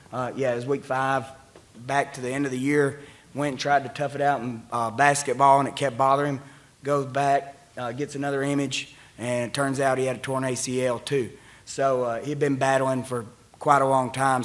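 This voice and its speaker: A man, a football offensive coordinator, giving plainspoken press conference remarks with many pauses. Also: mid-range voice.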